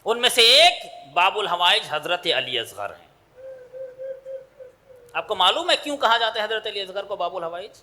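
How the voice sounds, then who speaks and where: A middle-aged male cleric with a Pakistani Urdu accent gives a fervent sermon in a high, piercingly bright voice. He tells the story dramatically, drawing out key phrases and building intensity as he goes. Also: very animated. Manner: impassioned, rising and slowing for emphasis. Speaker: Shia cleric delivering a majlis. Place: large mourning hall.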